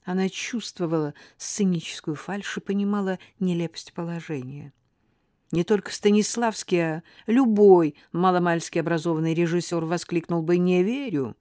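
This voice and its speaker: A woman narrating an audiobook in a measured, expressive storytelling style. Her voice sits on the low side. The recording is dry and close, with no room sound. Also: no room sound.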